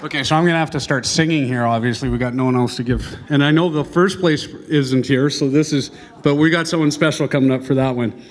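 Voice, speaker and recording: Male event presenter, folksy and halting, speaking informally in front of an audience in a reverberant hall. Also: mid-range voice, a faint crowd. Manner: casual, folksy, halting with frequent ums and pauses. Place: large banquet hall. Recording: echoey hall over PA, long reverb.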